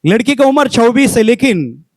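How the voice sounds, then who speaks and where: Male pastor, fifties, very high voice, dry close sound, fervent sermon delivery. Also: normal speed, no room sound. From Kerala, India. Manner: animated storytelling that rises to fervent exhortation.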